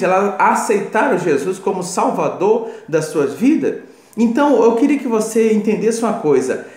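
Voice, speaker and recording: A man's voice: high-pitched, a little mellow. A man preaching a sermon, emphatic and repetitive, speaking straight to the listener. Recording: roomy echo with faint music.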